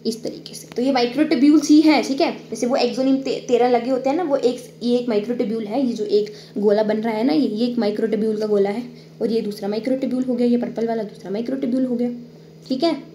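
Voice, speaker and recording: A woman's voice: on the high side, steady tone, fast, dark tone, echoey room. Woman, biology teacher, step-by-step explaining, faint background hiss. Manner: explains step by step, checks in with "ठीक है"; drawing on screen while talking. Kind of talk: online exam-prep lecture.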